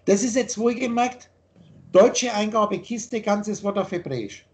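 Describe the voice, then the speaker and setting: A man's voice: sits high, a little slow. A man teaching spiritual ideas over a video call, emphatic and lecturing, often rephrasing his points.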